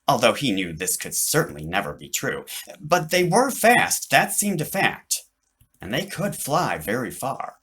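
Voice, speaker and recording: A man with a lowish voice reads aloud his own children's fantasy story, performing it dramatically and stretching out words for emphasis.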